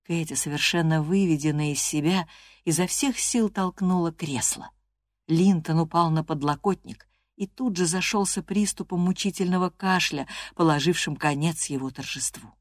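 A woman narrating a classic novel as an audiobook, in a measured, expressive storytelling manner. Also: low voice, dry recording, clean studio sound. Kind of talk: literary narration in first person.

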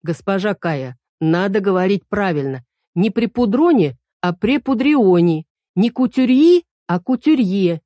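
A prim, pedantic young man who corrects every word, voice mellow and dark, as a woman reader puts him on. Dry close sound. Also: medium pitch, animated, a little fast, no echo, close to an everyday voice. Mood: fussy. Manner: correcting, fussy.

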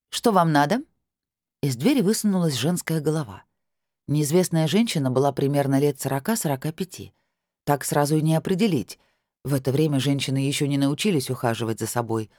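A woman narrating a first-person story in a wry, lively storytelling manner. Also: very deep voice, no room sound, clean studio sound.

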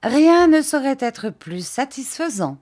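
A woman's voice: sits high, big pitch swings, slow pace, darkish tone, voice pushed up, heavily acted. A woman reading an audiobook, voicing a friendly, good-natured young man who approves heartily. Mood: cheerful.

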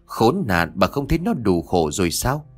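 A man doing a gruff, shaken old father. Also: fairly low pitch, very animated, normal speed, soft background music. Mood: scolding. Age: older. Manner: gruff, scolding.

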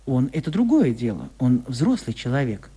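A weary, grumbling aunt in a radio drama. Her voice is husky and swings up and down with exasperation as she nags. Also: a bass voice, sing-song, moderate pace, mellow, full character voice. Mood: exasperated. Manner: nagging, exasperated. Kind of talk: radio play acting.

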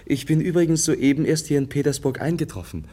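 A man's voice: fairly high pitch, lively intonation, a little fast, dark tone. An actor playing a courteous, naively candid prince in a radio drama, polite and hesitant as he earnestly explains himself. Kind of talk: German radio drama acting.

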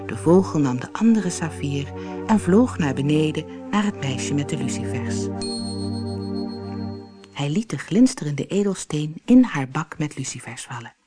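A woman reading a fairy tale aloud for an audiobook in a calm, clear storytelling manner. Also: low-pitched, measured pace. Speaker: narrator. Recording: faint music behind the voice.

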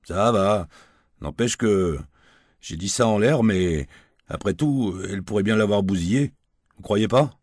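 A man's voice: fairly low pitch, unhurried, darkish tone, breathy edge, no echo, clean studio sound, pitched above the performer's own voice. A man reading the part of a tipsy, crude, washed-up gigolo who rambles in coarse slang and whines. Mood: sneering. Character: washed-up male gigolo, crude, drunk, self-pitying.

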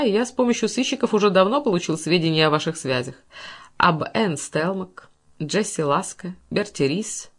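A woman voicing a cold, calm, menacing male banker who speaks with icy mockery. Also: mid-range voice, close to an everyday voice.

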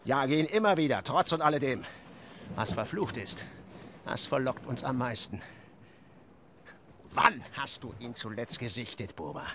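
Fanatical, swooping Captain Ahab. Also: male voice, medium pitch, expressive, measured pace, long pauses, background noise. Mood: obsessed. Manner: urgent, commanding. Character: fanatical, driven whaling captain.

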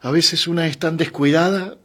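A man reading a timid, nervous young woman on a bus, speaking softly and hesitantly. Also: a little high, expressive, brisk, slightly rough, voice pushed up. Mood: timid, uneasy. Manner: soft, hesitant, apologetic.

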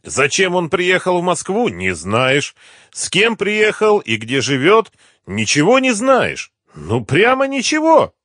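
A man's voice: on the high side, big pitch swings, unhurried, a bit bright, no room sound, studio quality, voice pushed up, heavily acted. A sneering gang boss, as a man reads him. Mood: mocking. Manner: sneering, bullying interrogation. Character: menacing male gang boss, mocking and cruel.

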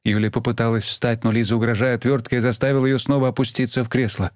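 A man reading a novel aloud as the narrator, at a measured, even pace and close to the microphone. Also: mid-range voice, dry recording. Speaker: audiobook narrator. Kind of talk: scripted narration.

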